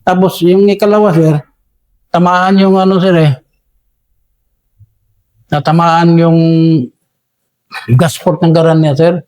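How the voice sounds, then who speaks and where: A man's voice: fairly high pitch, flat delivery, takes it slowly, long pauses, darkish tone. A Filipino man recounting a battle in an interview, deferential, adding "sir" after nearly every phrase. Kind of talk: interview storytelling.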